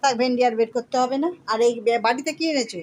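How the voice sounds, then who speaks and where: A middle-aged woman with a fairly high voice chats away in a casual home vlog. She talks to her viewers as friends while she works in her kitchen. A phone mic picks her up with faint noise behind. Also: brisk. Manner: chatty, addresses viewers as friends. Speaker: vlogger. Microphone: phone camera.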